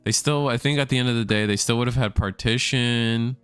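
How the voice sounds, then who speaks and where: Guy doing live card game commentary, rambly, keeps correcting himself, clean smooth voice. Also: mid-range voice, brisk, dry recording, faint music behind. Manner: rambling, self-correcting, thinks out loud. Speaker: card game tournament caster.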